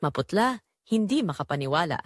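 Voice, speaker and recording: Reading theatrically in the first person for an audio drama, a Filipino female storyteller moves at a fairly quick pace with wildly animated pitch. The sound is very dry.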